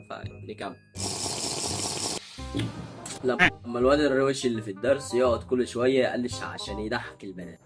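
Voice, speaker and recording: A young Egyptian man with an Egyptian Arabic accent, hosting his channel with animated, mocking comic reactions. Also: medium pitch. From Upper Egypt. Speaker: channel host.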